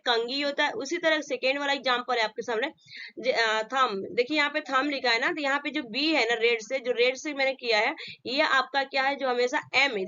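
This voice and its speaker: A woman's voice: sits high, bright, forceful tone. A woman teaching a classroom lesson, often asking a question and answering it herself. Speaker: English teacher. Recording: dull lo-fi recording.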